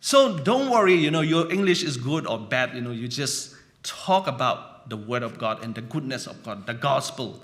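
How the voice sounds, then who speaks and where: Bright-voiced preacher. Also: male voice, medium pitch, expressive, moderate pace. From Burma. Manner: conversational, often adds "you know" and "right?". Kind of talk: sermon.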